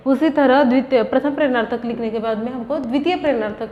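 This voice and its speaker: A woman's voice: sits high, fast. A woman teaching a grammar lesson, explaining step by step and answering her own questions. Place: classroom or coaching room. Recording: echoey room, dull lo-fi sound.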